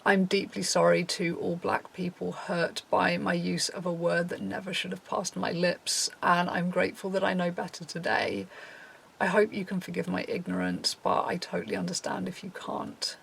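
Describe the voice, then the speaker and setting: A man's voice: high-pitched, moderate pace, creaky, fairly bright tone, breathy edge. A young man earnestly addressing his viewers in a serious apology video. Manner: earnest, reads from a prepared script. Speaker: channel host.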